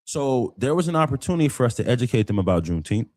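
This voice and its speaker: Male co-host, mid-pitched, talks fast and earnest, repeats lines for emphasis; dry close mic. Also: big pitch swings, darkish tone, dry recording. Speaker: co-host of a live community talk show. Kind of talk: casual commentary on local politics.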